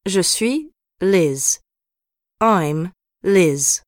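A woman reads short drill sentences at a very slow, deliberate pace. Her voice is fairly low for a woman. The sound is dry and close to the mic. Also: animated, no echo. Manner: slow, clearly spaced model sentences. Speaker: reader of example sentences. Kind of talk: scripted language drill.

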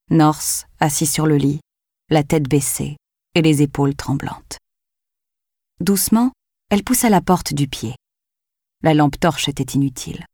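A woman narrating a thriller novel in a measured way, sometimes dropping to a hushed near whisper. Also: sits low, no room sound. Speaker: audiobook narrator. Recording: dry close studio sound.

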